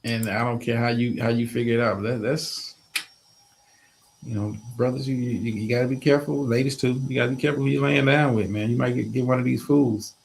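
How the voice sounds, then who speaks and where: Gravelly man in blunt live-stream chat. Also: medium pitch, fairly even intonation, a little fast, slight background noise, poor audio. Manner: blunt, profane commentary addressed to viewers. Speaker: stream co-host. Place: home.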